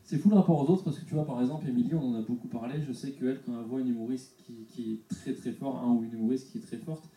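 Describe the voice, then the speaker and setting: A man co-hosting a casual podcast interview, quick and teasing. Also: mid-range voice, fairly even intonation, mellow, distant mic. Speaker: podcast co-host. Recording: roomy sound from off-mic.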